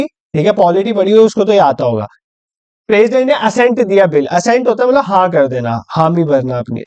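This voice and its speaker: A man's voice: sits high, a little mellow, no room sound. A man teaching an exam revision lecture, chatty and motivational, mixing Hindi and English.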